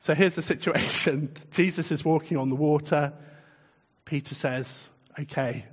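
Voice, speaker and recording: A man preaching a sermon in a relaxed, conversational way, chuckling often and putting questions to his listeners. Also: a little high, a little slow, breathy edge, in a large hall.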